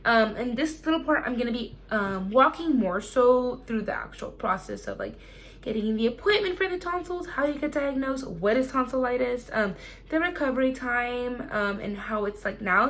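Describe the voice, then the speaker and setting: Chatty young woman vlogger, higher-pitched voice. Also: a bit bright. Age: young adult. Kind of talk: casual chat to camera, personal Q&A.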